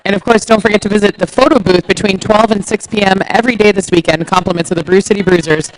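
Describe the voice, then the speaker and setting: A woman's voice: mid-range voice, fairly even intonation, quick pace, low-quality recording. Chatty woman announcer at roller derby. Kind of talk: sports announcing and sponsor reads.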